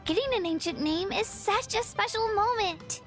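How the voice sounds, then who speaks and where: A woman's voice: extremely high pitch, moderate pace. An actress voicing a cheerful, earnest young girl companion in a game, sweet and encouraging with a little shyness. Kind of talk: game character dialogue. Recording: game dialogue under background music.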